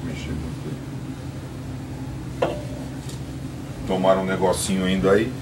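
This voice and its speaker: A man in his fifties who owns a restaurant answers a reporter's on-the-spot questions outside, with a Brazilian Portuguese accent from São Paulo. His voice is low and steady and a little slow, though he still rambles earnestly and keeps restarting. Outdoor noise fills the field recording.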